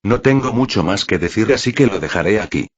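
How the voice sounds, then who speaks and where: Low, husky male storyteller. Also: lively intonation, a little fast. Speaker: fanfic reader and narrator. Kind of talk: first-person story reading. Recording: dry, slightly muffled recording.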